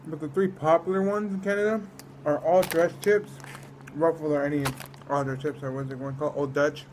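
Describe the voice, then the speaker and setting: Rambling higher-voiced man reviewing snacks, noisy recording. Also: fairly even intonation, fairly quick, darkish tone. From United States. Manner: rambling, trailing off mid-thought. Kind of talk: casual food review vlog.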